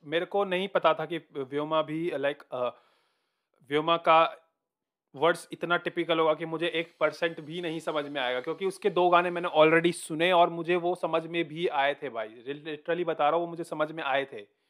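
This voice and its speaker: A man's voice: fairly high pitch, fairly even intonation, moderate pace, fairly bright tone. A man hosting a music reaction video, chatting casually, mixing Hindi and English, with hesitant fillers and calling the listener bro.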